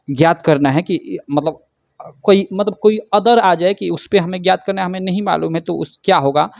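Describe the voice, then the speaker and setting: A man's voice: a little high, darkish tone, no room sound. A man teaching a science lesson at a whiteboard. He explains step by step and keeps asking and answering his own questions. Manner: frequent fillers like "theek hai".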